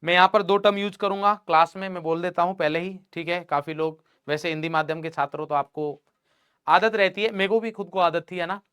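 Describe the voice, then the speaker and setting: A man's voice: high voice, fairly even intonation, fairly quick, a bit bright, clear, resonant tone, dry recording, clean studio sound. A young man teaching chemistry in an online class, teasing and joking with his students. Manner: playful teasing, talks to students as "beta".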